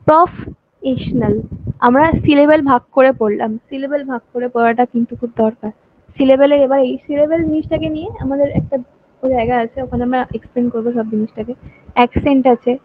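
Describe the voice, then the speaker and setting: A woman tuition teacher, giving an online lecture and often checking that students follow. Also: high-pitched. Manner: repeats points, asks "ঠিক আছে?" often. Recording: tinny phone-like audio.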